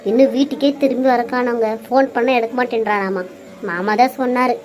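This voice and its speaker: Woman doing a sarcastic young daughter-in-law, high voice, Bangalore Tamil accent, cartoon, muttering. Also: fairly even intonation, a little fast, darkish tone, slight background noise. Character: sharp-tongued young daughter-in-law, grumbling. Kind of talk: cartoon voice acting.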